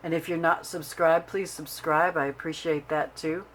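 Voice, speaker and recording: A middle-aged woman hosting a casual crafting vlog, chatting and telling an animated story as she shows her journals. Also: deep voice, moderate pace, slight background noise. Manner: animated storyteller who acts out quotes. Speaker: craft video host.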